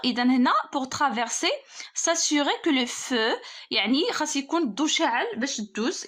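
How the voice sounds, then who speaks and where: A woman teacher with a Moroccan Arabic accent correcting an exam step by step, reading French prompts slowly and explaining them. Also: on the high side, fairly bright tone.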